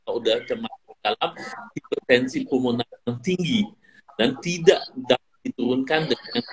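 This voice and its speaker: Male doctor, mid-pitched, hesitant; audio glitches and cuts out on a video call. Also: moderate pace, low-quality recording. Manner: hesitant, many filler sounds. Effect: choppy, breaking-up online call audio. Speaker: doctor answering panel questions. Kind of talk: online medical webinar talk.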